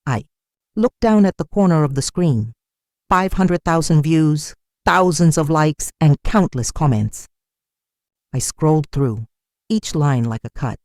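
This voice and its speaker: An older woman telling a first-person story in a sombre, measured, wounded way. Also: sits low, expressive, darkish tone, no room sound, clean studio sound. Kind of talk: scripted first-person narration.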